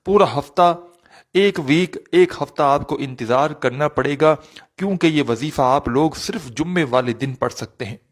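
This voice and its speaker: A man hosting a devotional video, speaking earnestly and repetitively to viewers and leading a pleading prayer. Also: on the high side. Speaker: religious video host.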